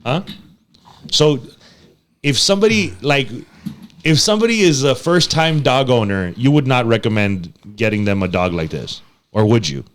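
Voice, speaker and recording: Host, man, slangy casual chat, mid-pitched voice. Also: lively intonation, normal speed. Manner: slangy, mixes Spanish words, coos at the dog in a high voice. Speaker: podcast host.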